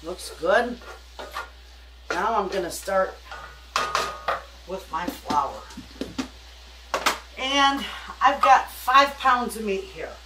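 At the stove in her home kitchen, an older woman with a medium-pitched, lively voice talks extremely slowly and pauses often. She's a home cook hosting a cooking show, chatting in a folksy, homespun way to a camera a few feet away. The echoey kitchen, the distant mic and the background noise all come through.

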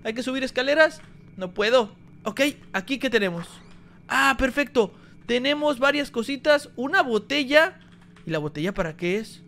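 A man giving energetic gameplay commentary, talking straight to his viewers. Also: very high-pitched, normal speed. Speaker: gaming YouTuber.

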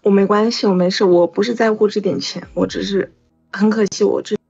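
A woman's voice: medium pitch, steady tone, fairly quick, creaky, darkish tone, dull audio, soft background music. A woman in casual voice chat while gaming, upset and holding back tears as she insists she is fine. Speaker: gaming teammate.

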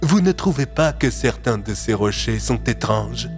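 A man's voice: medium pitch, lively intonation, a little slow, soft background music, close to an everyday voice. An impatient Dokipa creature with terse, abrupt lines, voiced by a male storyteller. The voice stays near the narrator's own, in a storybook audio drama.

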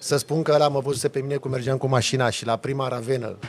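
A man, a podcast guest, telling a lively story in a casual chat with vivid sound effects. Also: mid-range voice, slight background noise. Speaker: podcast guest, off-road driver.

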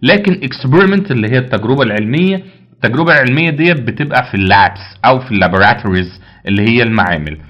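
A man's voice: mid-range voice, lively intonation, racing, lo-fi sound. A man with an Egyptian Arabic accent teaching English vocabulary, repeating each word and answering his own questions. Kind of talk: vocabulary lesson.

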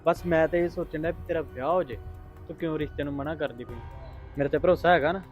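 A man's voice: on the high side, fast talker, close to an everyday voice. A man playing a protective young brother who insists and reassures, pleading to be trusted. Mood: reassuring. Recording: dull lo-fi sound with faint music.

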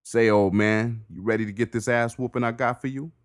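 A man's voice: mid-range voice, fairly even intonation, fairly quick, dry recording, pitched above the performer's own voice, natural voice. Man putting on a cocky jailhouse guy, easygoing slang, dry close sound. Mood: confident. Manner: cocky, easygoing street talk. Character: muscular male inmate on his last day, confident.

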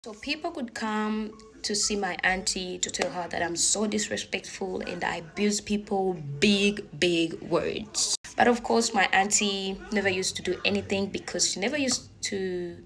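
A woman's voice: medium pitch, moderate pace, few pauses. A young woman in her twenties, from Congo and raised in Uganda, animatedly telling a personal story to her phone camera in a living room. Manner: animated, gesturing, laughs through story. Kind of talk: storytime vlog. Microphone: phone camera at arm's length.

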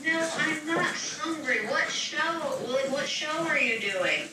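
A woman's voice: high voice, animated, slow, crowd noise. A woman chatting casually on a phone call, heard over a speakerphone, talking loosely and swearing offhandedly. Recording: echoey, distant speakerphone with background noise.

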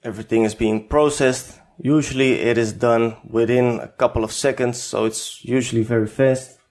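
Giving an unscripted software tutorial, this Dutch man from the Netherlands speaks in a medium pitch with a steady tone at normal speed. He's a native Dutch speaker with a Dutch accent who hesitates and uses many fillers.

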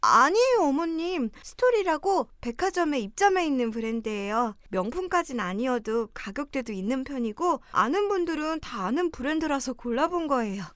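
Young daughter-in-law, voiced by a woman, polite and wounded, fairly high voice, dry close sound, for a story drama. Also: expressive, normal speed, hardly any pauses, fairly bright tone, dry recording. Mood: apologetic. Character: hurt, long-suffering young daughter-in-law. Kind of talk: audio drama acting.

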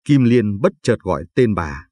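Husky low-voiced male storyteller. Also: very animated, moderate pace, dark tone, no room sound, clean studio sound. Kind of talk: late-night story narration.

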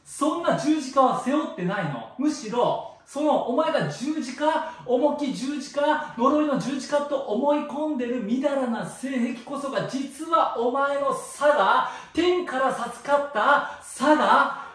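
A man's voice: very high voice, lively intonation, measured pace, few pauses, far from the mic. Playful man in a very echoey room. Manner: playful and jokey, tacks a joking catchphrase onto lines; swings between loud bursts and soft asides. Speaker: spiritual counselor and channel host. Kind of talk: casual solo monologue.

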